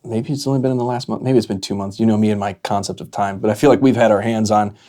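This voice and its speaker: An American man co-hosting a podcast, talking casually and conversationally, often halting and rephrasing as he goes. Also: fairly low pitch, steady tone, dark tone. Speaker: podcast co-host.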